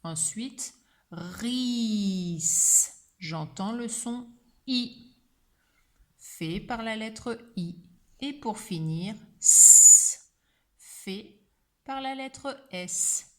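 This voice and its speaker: A woman teacher giving a slow, patient word dictation to a young child, sounding out each letter. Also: on the high side, lively intonation.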